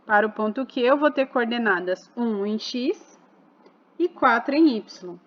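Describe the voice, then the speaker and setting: A woman's voice: a little high, expressive, measured pace, highs cut off. A woman explaining a math exercise step by step, patient and asking rhetorical questions as she goes. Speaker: math teacher.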